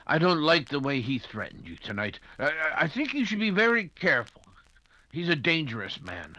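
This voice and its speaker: An actor playing an anxious, stammering gentleman doctor, the detective's loyal companion, in 1940s radio style. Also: a little high, wildly swooping pitch, moderate pace, no room sound, heavily acted. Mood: worried. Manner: stammering, fretful, old-fashioned gentlemanly. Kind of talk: 1940s radio drama acting.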